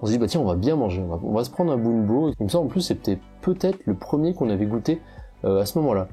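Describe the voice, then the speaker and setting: A young man with a strong French accent tells his travel stories in a loose, chatty way, full of hesitations and restarts. His voice is very dark and mellow. Faint music plays under him. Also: medium pitch, very animated, fast talker, breathy edge. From France. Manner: chatty, many fillers and restarts. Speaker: travel photographer vlogger. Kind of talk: casual travel storytelling.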